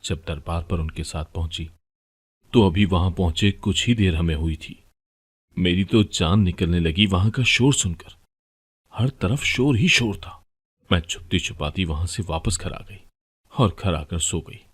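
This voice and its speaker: A man narrating a story in the first person in a plain, steady storytelling manner. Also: deep voice, a little slow, husky.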